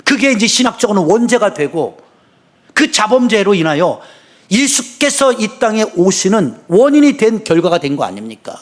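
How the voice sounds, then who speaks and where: A middle-aged man preaching a sermon as senior pastor, swinging between fervent shouts and low, conversational asides. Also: big pitch swings, moderate pace.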